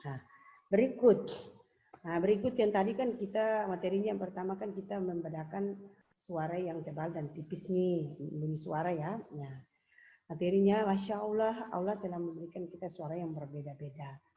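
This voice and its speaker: Warm-voiced woman teacher, patient. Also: on the low side, moderate pace. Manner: patient, repetitive explaining with many fillers. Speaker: religious school teacher. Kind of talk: recorded lesson for young pupils. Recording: dull lo-fi home video audio.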